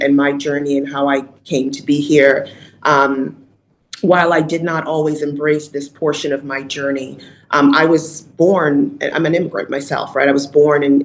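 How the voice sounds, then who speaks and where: A woman from Rochester, New York, giving an earnest, measured and reflective talk as a guest speaker at a virtual conference. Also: deep voice, slight background noise, low-quality recording. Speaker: guest speaker, mayor's chief of staff. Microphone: video call.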